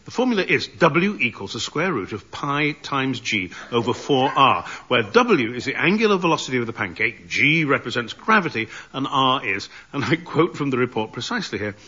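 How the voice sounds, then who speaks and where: A man's voice: medium pitch, very animated, moderate pace, hardly any pauses, pushed and bright, slightly rough. A man hosting a comedy quiz, reading odd news stories in a dry, precise way. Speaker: quiz show host. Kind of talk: dry comic news delivery. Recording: dull broadcast audio, studio audience.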